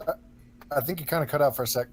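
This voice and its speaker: A man's voice: medium pitch, very fast, a little hiss or hum. A man playing a tabletop game, chatting casually and hesitantly. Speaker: player.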